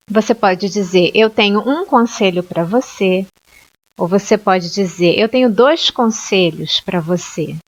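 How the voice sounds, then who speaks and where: A Brazilian woman teaching an English lesson, explaining grammar slowly and clearly and often checking with "ok?". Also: fairly high pitch. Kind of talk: online language lesson. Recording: dull lo-fi sound.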